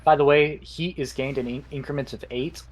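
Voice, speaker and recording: A man's voice: on the high side, fairly even intonation, fairly quick, rough recording. A man chatting casually with teammates over voice chat during an online game. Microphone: gaming voice chat microphone.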